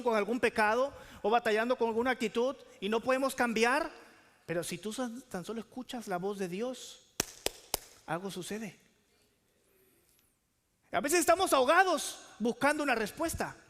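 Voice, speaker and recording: A man's voice: very high-pitched, a little fast, fairly bright tone, in a large hall. A man preaching a sermon as pastor, asking the congregation questions and calling for answers.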